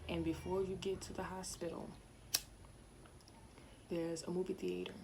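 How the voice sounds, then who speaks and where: A woman's voice: lowish voice, little pitch movement, moderate pace, creaky, dark tone, a little hiss or hum, low-quality recording. A woman, chatting casually and rambling to camera in a home vlog. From Louisiana, USA. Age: 20s. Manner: rambling, chatty, self-focused asides. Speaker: vlogger. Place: home, indoors.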